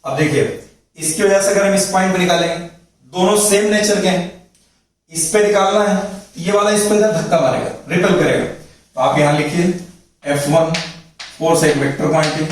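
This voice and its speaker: Man lecturing in an echoey room. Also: on the high side. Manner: explains step by step, repeats points, asks checking questions. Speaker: physics teacher. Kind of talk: classroom lecture at a board. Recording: echoey room, mic far off, faint noise.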